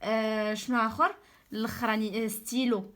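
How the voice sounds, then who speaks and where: Brief: young Moroccan-accented female tutor, slightly high voice, slow careful dictation. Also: little pitch movement, fairly bright tone. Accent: Moroccan Arabic. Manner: slow, drawn-out dictation of French words. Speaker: online tutor. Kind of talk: French lesson explained in Moroccan Arabic.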